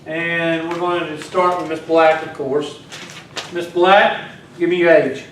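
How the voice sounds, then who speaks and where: Lecturing to a class from far off the mic, this man teases his students and chats with them while he works. He speaks slowly, with a fairly high, fairly bright voice and fairly even intonation. The sound is an echoey classroom from a distance, with faint noise.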